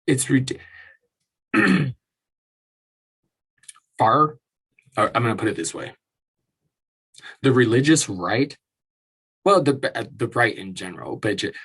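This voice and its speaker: Husky-voiced man on an angry rant. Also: mid-range voice, fairly bright tone. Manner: profane, exasperated ranting with frequent restarts. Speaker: podcast host. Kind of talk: casual solo rant.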